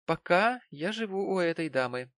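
Man doing a shrill, huffy young lady. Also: expressive, moderate pace, a bit bright, no room sound. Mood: indignant. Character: affected, indignant young woman of manners.

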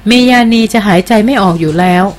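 A devoted jungle queen, earnest and deferential toward her mistress, as a woman reads her lines. Her voice sits at a middle pitch, read plainly from a storybook. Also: fairly quick, lightly acted. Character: loyal, devoted jungle queen, respectful and cautious. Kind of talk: audiobook character reading.

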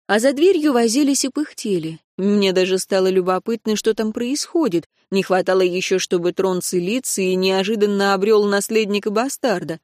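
A woman reading a novel aloud in the first person, with a wry, lively storytelling manner. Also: mid-range voice, normal speed, hardly any pauses, no room sound, clean studio sound. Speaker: audiobook narrator. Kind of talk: scripted first-person narration.

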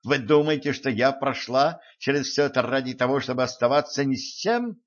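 A man reading an audiobook and voicing a furious, greedy wife with a hoarse, harsh way of snapping at others. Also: medium pitch, moderate pace, pitched above the performer's own voice, lightly acted. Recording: muffled lo-fi recording.

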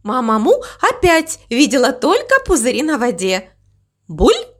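A woman narrating a children's storybook in an expressive, animated way. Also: high-pitched, moderate pace. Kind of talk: storybook reading.

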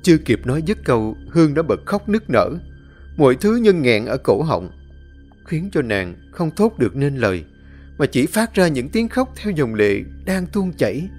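A male storyteller narrating a dramatic tale in an expressive, animated way. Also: a little high, normal speed. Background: faint music.

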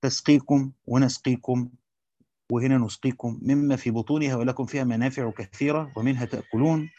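A man's voice: medium pitch, darkish tone, no echo, lo-fi sound. A man with an Egyptian accent reading classical Arabic commentary aloud to students, stopping for colloquial explanations and restarting words as he thinks. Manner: fast reading with hesitant restarts in the asides.

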